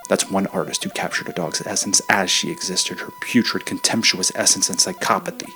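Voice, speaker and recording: A man's voice: low voice, steady tone, a little fast, over music. A man narrating his own documentary in a dry, wry, mock-serious voiceover.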